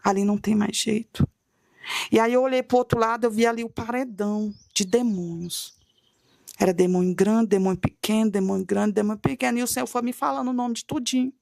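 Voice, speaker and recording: A woman with a gravelly, fairly high voice recounts a religious testimony with dramatic storytelling. She acts out her own pleading cries as she tells it. The sound is close and dry. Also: fairly even intonation, fairly quick, a little mellow, dry recording. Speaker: guest telling a testimony.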